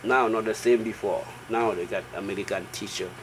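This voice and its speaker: Thai guy in his fifties, kinda deep voice, choppy simple english, informal interview, noisy room hum. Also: fairly even intonation. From Thailand. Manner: halting, simple broken English with short phrases. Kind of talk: informal oral history interview.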